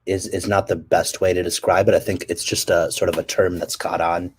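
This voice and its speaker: A man presenting his company's standards work and answering questions, speaking haltingly with many fillers and restarts. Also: low-pitched, level tone, slightly rough. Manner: halting, many ums and restarts, coughs between phrases. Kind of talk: technical presentation and Q&A.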